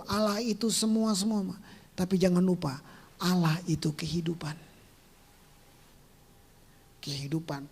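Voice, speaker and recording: Seorang pendeta pria berkhotbah dengan gaya teatrikal dan penuh canda, berganti dari bisikan pelan ke teriakan. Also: male voice, sits high. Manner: theatrical, swings from hushed whispers to shouts; jokey and teasing with the congregation. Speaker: pastor. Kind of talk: sermon.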